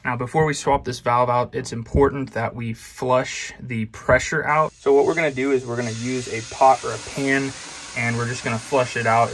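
Male DIY host, relaxed how-to delivery, bright tone, phone-recorded in a basement. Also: medium pitch, a little hiss or hum. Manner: relaxed, explanatory, step-by-step. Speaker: DIY HVAC video host. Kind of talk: casual how-to demonstration. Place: basement utility room, indoors.

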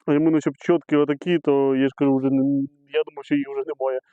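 A man's voice: mid-range voice, flat delivery, very fast, clean tone, no echo. A middle-aged man filming himself metal detecting outdoors on a meadow, chatting casually to his viewers and calling them friends as he digs. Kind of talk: casual commentary to camera while digging. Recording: slightly dull lo-fi recording.

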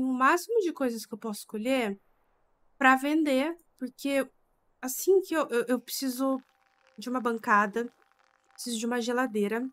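Bright-voiced chatty woman gamer. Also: sits high. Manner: chatty, exclaiming, talks to the audience as "gente". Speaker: gaming streamer. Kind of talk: casual let's-play commentary.

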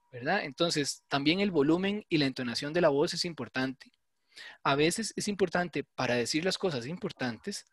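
A man's voice: on the high side, no echo, studio quality. A man giving a university lecture, explaining in a conversational way and checking often with "¿verdad?". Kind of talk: online class lecture.

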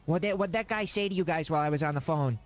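A man's voice: a little high, quick pace, dull audio, faint music behind. A man in a game role-play, talking angrily and swearing as he demands answers. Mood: angry.

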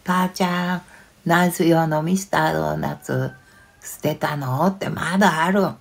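An older woman chatting casually on a live stream, reading viewer comments aloud with frequent soft fillers. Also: sits low, fairly even intonation, moderate pace, creaky.

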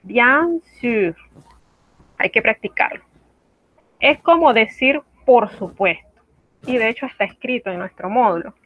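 A woman French teacher giving an online lesson, explaining phrases carefully and repeating each one slowly for practice. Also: a little high, animated, no echo. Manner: slow, careful drilling of phrases with repetition. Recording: dry, phone-like narrow sound.

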